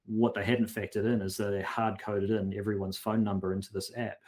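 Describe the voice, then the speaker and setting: Guy w a lowish voice chatting on a podcast, earnest, keeps restarting his sentences. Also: flat delivery, fairly quick, a little mellow. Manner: earnest, repeats words when restarting. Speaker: guest consultant. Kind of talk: conversational podcast interview.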